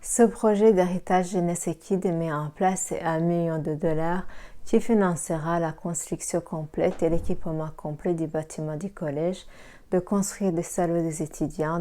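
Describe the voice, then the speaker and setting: A woman's voice: lowish voice, mellow. A woman from Rwanda giving a prepared presentation, reading steadily with occasional hesitant fillers. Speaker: pharmacy assistant and network marketer.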